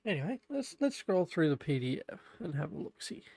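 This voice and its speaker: A man's voice: a little high, big pitch swings, brisk, gravelly, a little mellow, husky, dry recording. A young man chatting casually while building on a live stream, stumbling as he reads the manual aloud. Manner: chatty, self-deprecating, stumbles over reading. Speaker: livestreamer building a Lego set.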